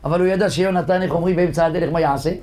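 Male rabbi, high voice, joke-telling preacher working the congregation. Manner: lively joke-telling storyteller addressing a congregation. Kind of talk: humorous sermon with jokes.

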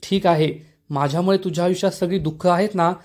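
Guy reading as a gentle hurt young wife, soft and pleading, quick. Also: high-pitched, steady tone, lightly acted. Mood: sad.

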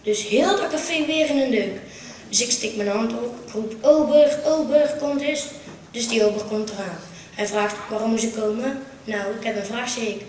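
A woman's voice: fairly high pitch, normal speed. Woman, Brabant Dutch accent, comic stage monologue, roomy hall, distant mic. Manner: storytelling with punchlines, lively. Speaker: carnival stage performer. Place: small theatre stage.

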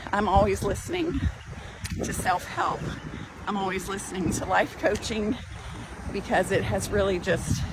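An older woman talking in a casual, encouraging way to her viewers as she walks outdoors, filming herself with a phone at arm's length. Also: mid-range voice. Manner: warm, encouraging, chatty. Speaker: cooking channel host. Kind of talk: casual walking vlog. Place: outdoors in a parking lot. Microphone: phone held at arm's length. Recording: outdoor phone audio with clear background noise.

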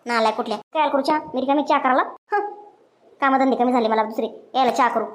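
A woman's voice: high-pitched, background noise, lightly acted. A woman voicing a scheming, quarrelsome young village daughter-in-law in a cartoon story. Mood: angry scolding. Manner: quarrelsome, rapid, indignant. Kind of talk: cartoon voice acting.

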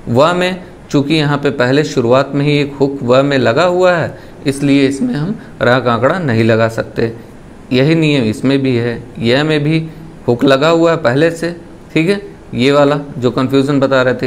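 A man's voice: mid-range voice, slight background noise. A man teaching a shorthand lesson. He explains step by step, patiently, and keeps checking in with the listener.

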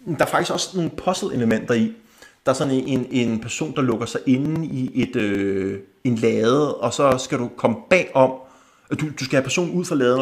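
A young man giving quick, offhand verdicts and chuckling often while chatting casually on a livestream. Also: medium pitch. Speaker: gaming channel host.

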